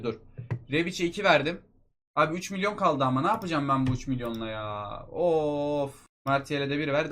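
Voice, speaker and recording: Fast-talking excitable young man gamer. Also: medium pitch. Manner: fast, excitable, talks to viewers as friends. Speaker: mobile football game YouTuber. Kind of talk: excited gaming commentary.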